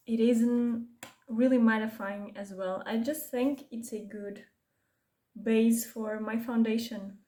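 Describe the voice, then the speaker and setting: A young Portuguese woman who speaks English as a second language chats casually through a get-ready-with-me makeup vlog, wandering into asides and correcting herself. She has a Portuguese accent and a mellow voice on the high side.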